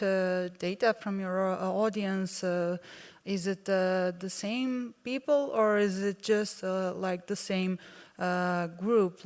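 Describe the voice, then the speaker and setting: A woman asks a question from a conference audience in a hesitant, halting way. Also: mid-range voice. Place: large indoor conference hall.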